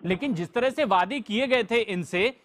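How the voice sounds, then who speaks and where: A man anchoring live TV news, asking questions in a brisk, formal way. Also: high voice.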